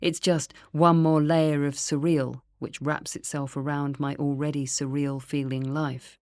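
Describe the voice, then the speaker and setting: A woman reading her own memoir in the first person, in a quiet, earnest, reflective way. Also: deep voice, flat delivery, unhurried, dry recording. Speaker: memoir narrator.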